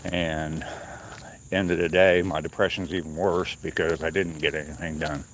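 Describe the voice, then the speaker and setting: A man walking and talking on a wooded trail outdoors, chatting casually and unscripted to his viewers, with pauses. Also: rumbling low, little pitch movement, a bit bright, poor audio. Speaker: livestreamer on a morning walk. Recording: outdoor noise, insects and nature ambience.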